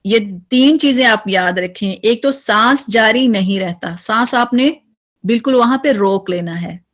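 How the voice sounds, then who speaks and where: Woman tajweed teacher, fairly high voice, slow and patient, repeats letter sounds as drills. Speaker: Quran recitation teacher. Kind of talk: online tajweed lesson.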